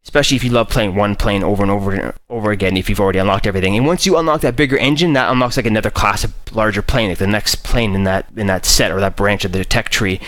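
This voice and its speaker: A man's voice: lowish voice, racing, few pauses, a bit bright, no room sound. A young man hosting a casual unboxing vlog, talking enthusiastically and rambling with lots of fillers. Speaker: YouTube host.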